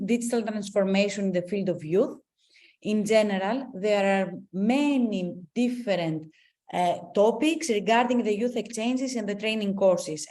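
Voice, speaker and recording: A woman's voice: mid-range voice, darkish tone. A woman with a Spanish accent facilitating an online webinar, patiently answering questions with advice. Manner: patient, advising explanations.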